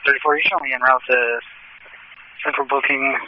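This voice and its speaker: Quick terse police officer on radio. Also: male voice, mid-range voice, fairly even intonation, dull audio. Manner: terse, businesslike. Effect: police radio transmission. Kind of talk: radio call-in codes.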